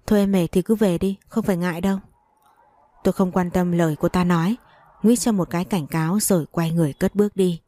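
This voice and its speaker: A woman's voice: lowish voice, mellow, no room sound. A woman narrating a first-person romance story, reading all the characters' dialogue in her own voice with little change. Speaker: audiobook narrator.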